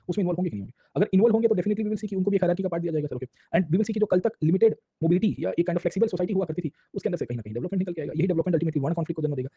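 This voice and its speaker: A man lecturing on history at breakneck speed, his voice dark and heavily husky. He mixes Hindi with English and keeps tagging lines with "samjhe?" and "sir, theek hai na". The sound is dull and muffled, recorded close and dry. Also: high voice, dry recording. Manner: tags nearly every sentence with "samjhe?" and "sir, theek hai na"; acts out little anecdotes with quoted voices. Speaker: history teacher. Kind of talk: exam-prep lecture mixing Hindi and English.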